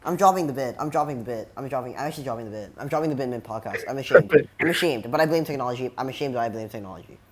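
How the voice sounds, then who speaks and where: A young man hosts a casual podcast, talking very fast in a mid-range voice with hardly any pauses. He rambles, pokes fun at himself, and talks over bits.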